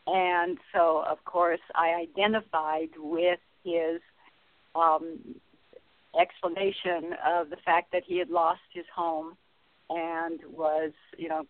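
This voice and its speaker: A woman calling in to a radio show. Her voice comes through a distant, tinny phone line, as if from inside a tin can, and she talks haltingly, searching for words. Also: fairly low pitch, dry recording. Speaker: caller. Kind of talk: call-in radio talk.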